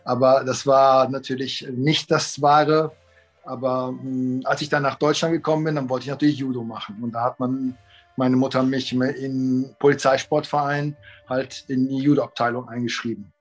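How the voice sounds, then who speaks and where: A man's voice: medium pitch, little pitch movement, normal speed, faint music behind. A man in his fifties, raised between Italy and Germany, telling his story as an interview guest, rambling with many fillers and restarts. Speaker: kung fu teacher, guest. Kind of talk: casual interview talk.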